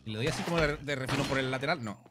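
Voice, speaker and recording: A young man from Spain with a Spanish accent, commenting live on his gameplay, excitable, with loud outbursts and cursing. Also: mid-range voice, rapid-fire. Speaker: streamer. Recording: steady background noise.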